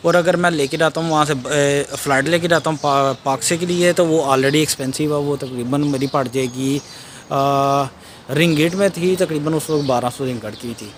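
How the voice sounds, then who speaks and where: A young man recounts a trip in loose, meandering vlog talk, stopping often on fillers and starting sentences over. His voice sits a little high for a man. Birds and passing traffic come through clearly behind him outdoors. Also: normal speed. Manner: rambling, hesitant, with many fillers and restarts. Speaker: vlogger. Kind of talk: casual travel storytelling. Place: outdoors at a roadside border crossing.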